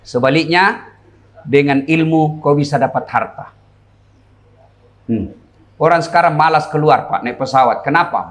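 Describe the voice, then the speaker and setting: A middle-aged male preacher gives a humorous sermon to a large crowd. His voice sits a touch high for a man and swings widely in pitch. He jokes, acts out characters and shouts his punchlines. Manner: jokey, plays characters and shouts for laughs. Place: large event before a crowd.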